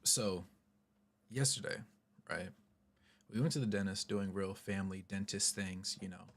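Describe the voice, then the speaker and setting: A man telling a story casually to his vlog audience, chatty and animated with asides. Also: deep voice, normal speed. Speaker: vlogger, storyteller.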